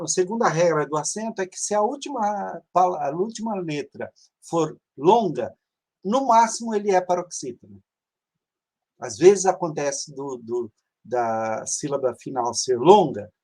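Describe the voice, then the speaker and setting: A man's voice: high-pitched, a little mellow. A man, a reverend teaching an online class, who explains patiently and drills word endings aloud. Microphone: video call.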